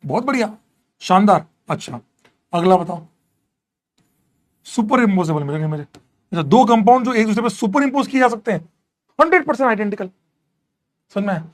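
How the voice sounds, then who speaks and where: A man's voice: sits high, lively intonation, moderate pace, long pauses. A man lecturing a chemistry class, repeating questions and quizzing his students, mixing terms into his speech. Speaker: chemistry teacher.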